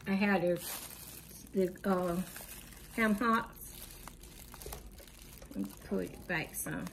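This woman's voice sits on the low side, gravelly yet a bit bright, with a little hiss or hum in the recording. Hosting her channel from home off camera, she casually lists her groceries one by one in an unhurried way, using many fillers.

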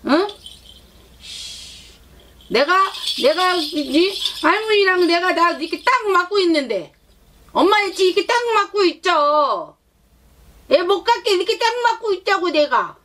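A woman's voice: extremely high pitch, big pitch swings, measured pace, pauses often, full character voice. A woman shaman voicing a sulky, demanding child spirit that whines, pouts and coaxes with repeated tag questions. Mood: whiny pouting. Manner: whiny, pouting, coaxing with repeated tag questions. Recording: loud noise with rattle.

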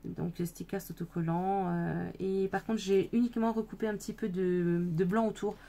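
Her voice is warm, steady and mid-range, moving at a moderate pace. This scrapbooking video maker casually shows a handmade album to her viewers in a chatty craft show-and-tell, talking with many fillers and self-corrections.

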